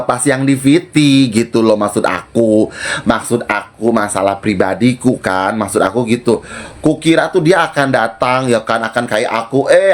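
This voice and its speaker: Mocking man. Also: mid-range voice. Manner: mocking, reenacts quoted lines, repeats himself. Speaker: livestream seller. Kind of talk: gossipy livestream rant.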